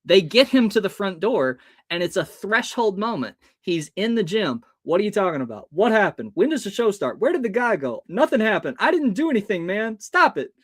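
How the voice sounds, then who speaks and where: An American man in his early thirties, a podcast guest, tells animated personal stories in a high, sing-song, slightly rough voice at a fairly quick pace. He expressively acts out bits of dialogue along the way.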